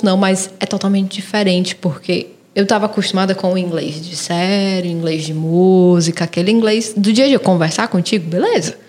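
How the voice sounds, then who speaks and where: Chatty Brazilian woman, mid-pitched. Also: darkish tone. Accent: Brazilian Portuguese. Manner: chatty and quick to laugh. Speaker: guest. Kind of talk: casual podcast chat.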